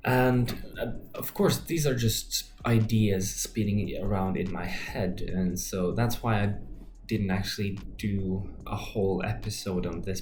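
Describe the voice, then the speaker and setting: A man with a fairly low voice talks slowly through his game design ideas in a casual vlog. He thinks aloud and stops often with fillers. The room is echoey, with faint music behind him. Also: darkish tone. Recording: roomy echo with faint background music.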